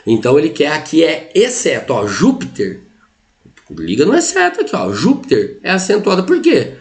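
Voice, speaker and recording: Lively Brazilian man explaining exam answers. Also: a little high, normal speed. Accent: Brazilian Portuguese. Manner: explains step by step, constantly says "ó" and "tá?". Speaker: Portuguese teacher.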